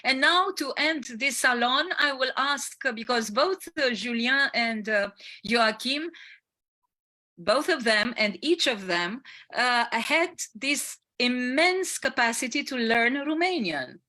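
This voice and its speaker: This is a woman moderating a live panel talk. Her voice sits slightly high and sounds crisp and bright. She speaks haltingly and fills her pauses with "uh.". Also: expressive. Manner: halting, many fillers. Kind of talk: panel discussion.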